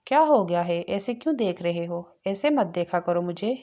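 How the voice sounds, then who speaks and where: A woman reading the lines of a shy, affectionate young wife in an audio novel, soft and pleading. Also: lowish voice, animated, lightly acted.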